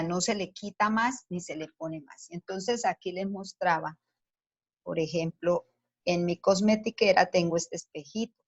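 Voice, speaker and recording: A woman teacher giving a science lesson to children, explaining patiently step by step and asking the class questions as she goes. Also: medium pitch. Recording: dull lo-fi sound.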